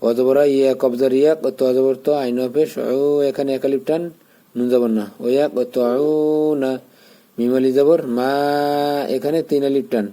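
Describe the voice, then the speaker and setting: A man's voice: mid-range voice, fairly even intonation, warm tone. A man teaching Quran reading, spelling out the Arabic letter by letter and patiently explaining how to join the sounds. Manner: slow drawn-out chanting when joining words.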